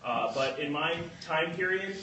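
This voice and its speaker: A man's voice: on the high side, expressive, measured pace, distant mic, very noisy. A man playing an earnest time-travelling captain from the future, hesitant and full of fillers. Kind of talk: improv comedy game. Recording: roomy echo, from off-mic.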